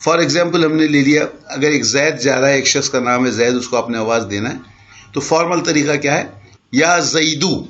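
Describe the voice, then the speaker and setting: A man's voice: medium pitch, fairly bright tone, muffled recording. A man teaching an Arabic grammar class in Urdu, explaining patiently and mixing in English terms. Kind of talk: online class lecture.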